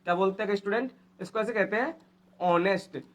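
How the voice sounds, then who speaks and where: A man's voice: high-pitched, fairly quick. Indian guy running an english class, says every phrase twice and quizzes the students. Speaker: English teacher. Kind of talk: spoken English lesson in Hindi.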